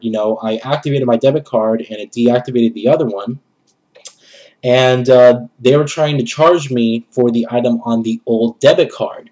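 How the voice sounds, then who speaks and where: Medium-pitched and somewhat dark, this young man's voice is nasal and stuffed up from a cold. He's a gaming vlogger in a small bedroom, rambling casually to the camera with a channel update. The recording quality is low.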